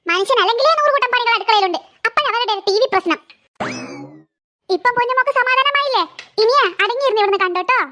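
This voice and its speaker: A woman's voice: very high voice, lively intonation, quick pace, bright, forceful tone, full character voice. A woman voicing a busy, short-tempered mother in a cartoon who scolds her two daughters. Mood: scolding. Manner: scolding, exasperated. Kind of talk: cartoon voice acting.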